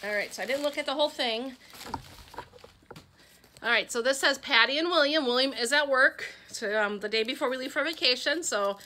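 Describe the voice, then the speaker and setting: A woman's voice: high voice, brisk, bright, forceful tone, a little hiss or hum. A middle-aged woman from Wisconsin chatting casually as she opens fan mail, gushing and talking to her pet along the way. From Wisconsin, USA. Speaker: vlogger opening fan mail. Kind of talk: casual chat.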